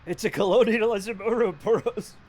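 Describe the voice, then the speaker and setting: A man's voice: high voice, moderate pace, a little mellow. A man from Rhode Island chatting casually on a live game stream, rambling, joking, cursing freely and laughing often. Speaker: livestreamer. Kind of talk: casual live-stream chat while gaming.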